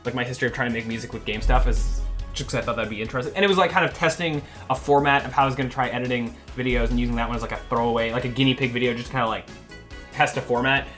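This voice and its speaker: His mid-range, slightly bright voice races along as this young man from Canada livestreams his game development. The chat is casual and wandering, full of laughter, with thoughts that trail away and begin again; faint music sits in the background.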